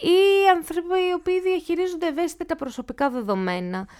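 A woman with a high-pitched voice is a guest expert in an interview. She explains cybersecurity in plain terms and leans on everyday examples to make each point. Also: sing-song, darkish tone.

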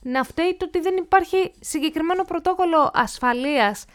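A woman with a high-pitched voice is a guest expert in an interview. She explains cybersecurity in plain terms and leans on everyday examples to make each point.

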